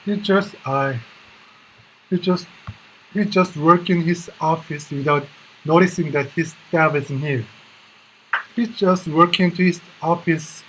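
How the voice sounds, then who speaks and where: Korean-accented male, bright, slightly high voice, echoing phrases a beat behind in halting repetitive English drills, faint room noise. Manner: echoing English clip lines a beat behind, repeating them over and over. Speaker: live-streaming English learner. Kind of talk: shadowing practice, repetitive drilling.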